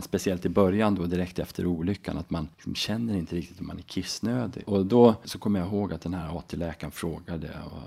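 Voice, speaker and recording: A middle-aged man from Sweden, a podcast guest, telling a story in a relaxed, halting way with frequent tag questions. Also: deep voice, gravelly, slightly rough. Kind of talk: casual storytelling.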